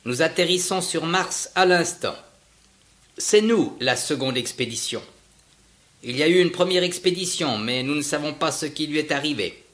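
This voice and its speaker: A man reading aloud and voicing a cheerful, eager spaceship captain who talks brightly. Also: fairly high pitch, lively intonation, normal speed, voice pushed up.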